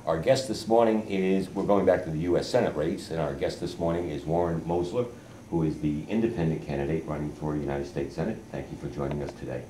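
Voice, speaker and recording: Very deep-voiced, fast-talking male host. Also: dark tone. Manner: brisk, direct questioning. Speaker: newspaper editorial page editor, host. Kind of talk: editorial board interview. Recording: echoey room with background noise.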